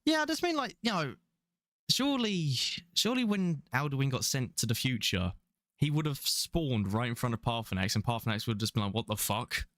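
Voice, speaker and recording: A young man in his twenties from England, with a London accent, chats casually and rambles with chuckles while live-streaming a game. His mid-range voice has big pitch swings, a slightly fast pace and a bit of brightness, in a dry, clean studio recording.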